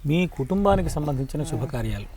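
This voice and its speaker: A man interviewing a guest, putting his questions in formal, measured phrasing. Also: fairly high pitch, lively intonation, crowd noise. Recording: distant mic with faint background noise.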